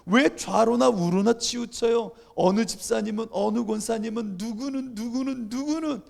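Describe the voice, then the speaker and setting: Pastor guy preaching, pretty high voice, super gravelly, chatty, acts out the dialogue. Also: moderate pace, a little mellow. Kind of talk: sermon.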